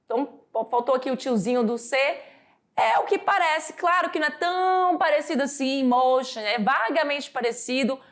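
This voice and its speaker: A Brazilian woman teaching English vocabulary, slowly drilling words for students to repeat after her. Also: sits high. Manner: slow, drawn-out word drills for students to repeat. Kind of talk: recorded classroom lesson.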